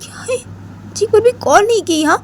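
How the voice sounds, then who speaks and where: A woman voicing an upset young woman lover who scolds her girlfriend in a shrill, raised voice with repeated questions. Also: lively intonation, normal speed, a little hiss or hum. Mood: upset, scolding.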